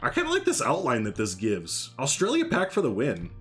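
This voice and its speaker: With wildly swooping pitch, a medium voice that's a bit bright, and a slightly fast pace, a man in his thirties streams a building game over a headset, faint music behind. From Northern Illinois with a slight Chicago accent, he rambles and jokes casually with viewers from a small room at home.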